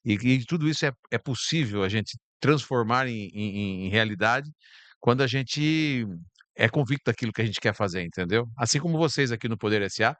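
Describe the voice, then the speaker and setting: A man from Brazil speaks as a podcast guest in a calm, reflective way. He repeats words as he searches for the next thought. His voice sits at an ordinary pitch and sounds close and dry. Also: brisk, no room sound. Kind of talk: casual chat. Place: stage of a bar.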